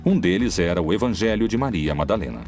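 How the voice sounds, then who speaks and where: A man with a Brazilian Portuguese accent giving scripted documentary narration in a measured, solemn way. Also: low voice, lively intonation, a little mellow. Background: faint music.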